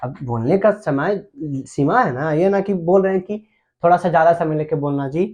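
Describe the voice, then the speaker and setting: A man's voice: on the high side, normal speed, darkish tone. A man teaching a grammar lesson, repeating points and constantly quizzing his listeners with short questions. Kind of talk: classroom-style grammar lesson.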